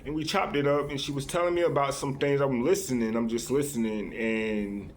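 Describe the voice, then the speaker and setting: Man, earnest vlog monologue, rambling, restarts, ordinary middle pitch, faint background hiss. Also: steady tone, fairly quick. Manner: rambling, many restarts and "right?" tags; earnest, confiding. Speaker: vlogger addressing his viewers. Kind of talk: casual unscripted monologue.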